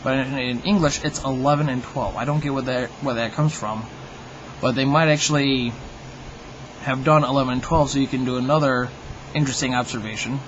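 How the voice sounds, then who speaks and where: A man's voice: medium pitch, fairly even intonation, a little fast, highs cut off, slight background noise. A man hosting his own video, delivering a humorous monologue to viewers in a wry, mock-opinionated, tongue-in-cheek way. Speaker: video host.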